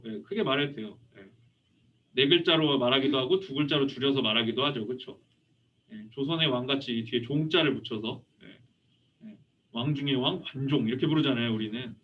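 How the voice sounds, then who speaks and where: Man preaching, animated pitch, distant muffled mic, church hall. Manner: animated storytelling, voicing a child and asking the audience questions. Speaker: youth pastor. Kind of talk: lively youth sermon with anecdotes.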